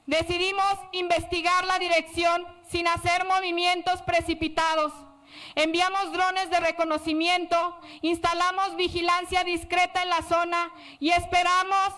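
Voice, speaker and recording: A woman telling a first-person story in steady, serious scripted narration. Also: extremely high pitch.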